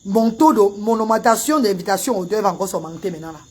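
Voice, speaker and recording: A woman from Cameroon, chatting casually on a live stream and breaking into loud wailing chants. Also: mid-range voice, expressive, fast, slightly rough. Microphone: phone camera.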